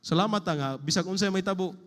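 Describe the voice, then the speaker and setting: Male pastor preaching in a church. Slightly high voice, long hall reverb, scripture read in English between Cebuano preaching. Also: quick pace, a bit bright. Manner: rising emphatic delivery on lists. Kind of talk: sermon. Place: church sanctuary.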